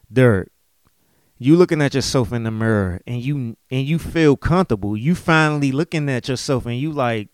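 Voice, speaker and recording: A man's voice: mid-range voice, smooth, no echo, clean studio sound. A man in his late thirties, a podcast host, talking candidly and emotionally about his life, often adding "you know what I'm saying". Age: late 30s. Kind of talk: candid personal podcast talk.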